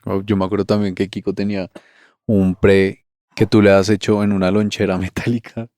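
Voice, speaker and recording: A man's voice: lowish voice, flat delivery, fairly quick, a little mellow, no room sound, clean studio sound. A man co-hosting a podcast, chatty and chiming in with short remarks. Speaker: podcast co-host. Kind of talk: podcast interview.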